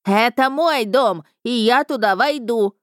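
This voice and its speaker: A woman's voice: measured pace, no room sound, studio quality, natural voice. A woman narrator voicing a hysterical, theatrical older woman who shrieks and carries on in an audiobook. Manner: shrill, shrieking, melodramatic.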